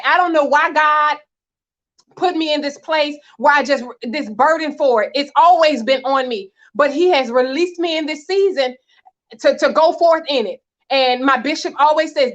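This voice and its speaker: A woman marriage coach talks straight to her listeners, earnest and encouraging. Her voice sits high. The audio is somewhat dull and lo-fi. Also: a bit bright. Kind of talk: heartfelt church talk show chat.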